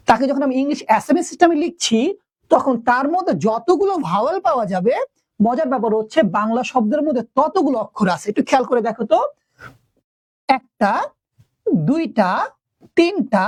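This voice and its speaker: High-voiced woman teaching a lesson. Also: darkish tone, dry recording. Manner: asks students questions, stretches words to count syllables. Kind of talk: video lesson.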